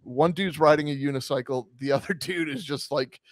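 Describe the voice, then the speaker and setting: A man's voice: on the high side, fairly quick, dry recording. Wry joking man co-hosting, dry sound. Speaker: commentary show co-host. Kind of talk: casual chat commentary.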